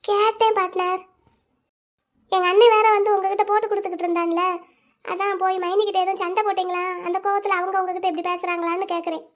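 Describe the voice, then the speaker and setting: Young wife in a cartoon story, gentle, coaxing, rapid delivery; a woman voices her. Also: very high voice, little pitch movement. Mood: pleading. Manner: coaxing, questioning.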